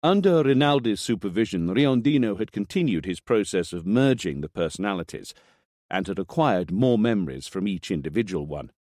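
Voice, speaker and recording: A man reading a thriller audiobook as scripted narration, with expressive delivery. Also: fairly low pitch, brisk, dry recording, studio quality.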